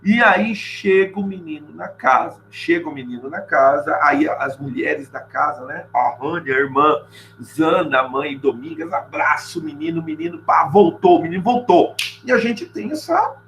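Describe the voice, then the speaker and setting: A man's voice: a little high, animated, normal speed, fairly bright tone, slight background noise, low-quality recording. A middle-aged man with a Brazilian accent giving a casual literature lesson, informal and chatty, often checking in with his listeners. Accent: Brazilian Portuguese. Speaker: literature teacher. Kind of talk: casual classroom lecture.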